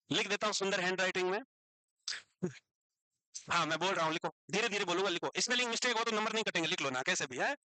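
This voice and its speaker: A man teaching a psychiatry class in speech, dictating notes slowly and teasing students about writing them down. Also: sits high, bright, forceful tone, dry recording, poor audio.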